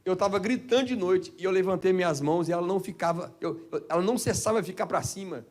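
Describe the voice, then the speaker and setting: Fervent high-voiced Brazilian pastor preaching. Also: male voice, quick pace. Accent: Brazilian Portuguese, Minas Gerais. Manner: fervent preaching, swings from shouted exclamations to hushed low asides. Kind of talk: Pentecostal sermon. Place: church.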